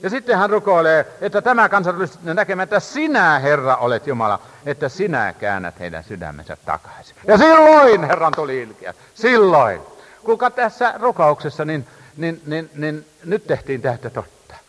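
A man's voice: a little high, sing-song, a bit bright. A man preaching a sermon with impassioned emphasis and frequent hesitations, recorded in a large church hall. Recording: reverberant hall.

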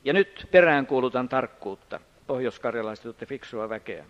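An older man preaching a sermon, moving between loud emphatic declarations and quiet anecdotes. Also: mid-range voice, expressive. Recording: dull lo-fi sound.

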